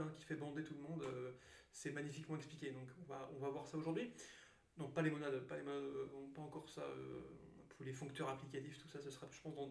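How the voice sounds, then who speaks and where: A man's voice: on the high side, creaky, far from the mic. A man giving a casual programming lesson, rambling and self-mocking with many fillers and restarts, sounding tired from little sleep. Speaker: programming tutor. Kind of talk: casual screen-recorded coding lesson. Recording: echoey room, voice a bit off-mic.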